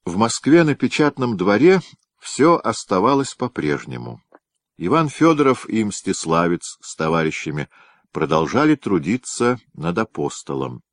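A man narrating an audiobook in a measured storytelling manner. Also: fairly low pitch, sing-song, no echo. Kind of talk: scripted narration.

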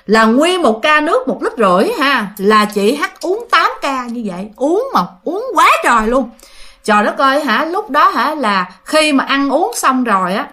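A woman's voice: sits high, pushed and bright. A woman telling a ghost story in a chatty, casual way, often speaking to her listeners. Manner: chatty, addresses listeners, many fillers.

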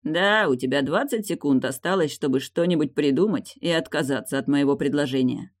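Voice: medium pitch, fairly quick, close to an everyday voice. A reader doing a cold, taunting man. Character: man, stubborn, ruthless fiancé.

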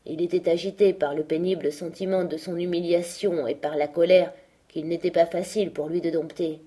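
Reading a classic novel aloud for an audiobook, this woman has a warm, husky tone and fairly even intonation, moving a little fast through the scripted narration. For the quoted lines, her voice climbs higher and louder.

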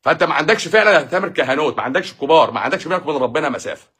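A man's voice: on the high side, lively intonation, very fast, sharp tone, husky. A man with an Egyptian Arabic accent talks about faith in an emphatic, preachy way, full of rhetorical questions. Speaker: doctor giving a talk. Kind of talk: casual talk on faith and life.

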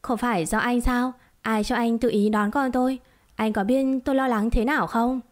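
A woman's voice: on the high side, fairly even intonation, normal speed, lightly acted. A woman voicing an anxious, fiery young mother who scolds sharply, in a storybook reading. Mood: angry.

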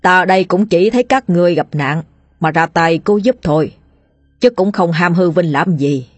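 A woman's voice: lowish voice, normal speed, husky, dry recording. Fields: woman doing pompous tipsy old man. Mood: lofty. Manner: lofty, then whiny and flustered.

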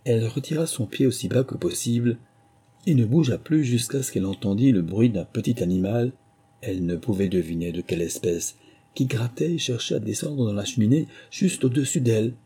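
Give me a man reading a storybook aloud, warm and a little breathy. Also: medium pitch, lively intonation, brisk. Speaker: audiobook narrator. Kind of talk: scripted narration.

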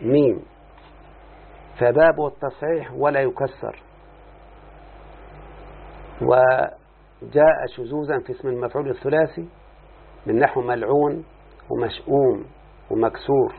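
A man's voice: mid-range voice, a little slow, creaky, pauses often, slightly rough. A man teaching a grammar lesson, often stopping to question and address his listener. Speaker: teacher of Arabic morphology. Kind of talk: classroom lesson explaining a text. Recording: muffled phone-like lo-fi sound.

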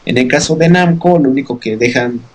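A man's voice: mid-range voice, fairly quick, a little hiss or hum, poor audio. A man co-hosting a podcast, explaining game news in a rambling casual way with many fillers. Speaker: podcast co-host. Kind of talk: casual news segment chat.

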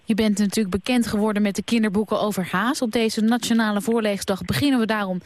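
Woman radio host; fast, smooth, polished. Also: mid-range voice, steady tone, no echo. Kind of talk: radio interview.

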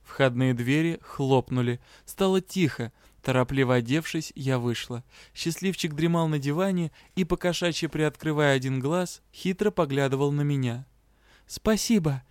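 A man's voice: on the high side, moderate pace, few pauses, clean tone, no echo. A man narrating a fantasy audiobook in the first person. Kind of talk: scripted narration.

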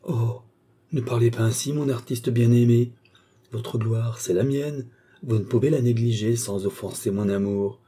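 A man voicing a shy young woman in an audiobook, speaking softly and in a hushed way. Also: medium pitch, steady tone, a little slow, slightly rough. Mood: tender. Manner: soft, hushed. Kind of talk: audiobook character voice.

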